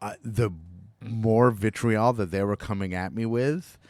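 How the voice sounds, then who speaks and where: A laid-back American man hosts a casual podcast chat, his voice on the low side. He laughs easily and leans on "like" and "you know" as he talks. The recording is dry, with no room sound. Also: steady tone, unhurried, darkish tone, no echo. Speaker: podcast host.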